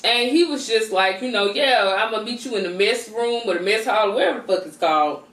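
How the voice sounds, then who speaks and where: A woman's voice: a little high, fairly quick, roomy sound, recorded from a distance, poor audio. A woman telling a casual, slangy storytime as a mukbang vlogger, talking with her mouth full as she eats. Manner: talks with mouth full while eating; animated, slangy, conversational.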